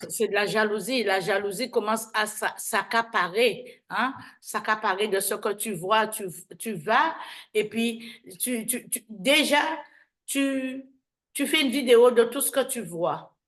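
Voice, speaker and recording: A woman evangelist giving informal bible teaching, halting and repeating words, often checking in with "d'accord?". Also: fairly high pitch, a bit bright. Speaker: evangelist and host.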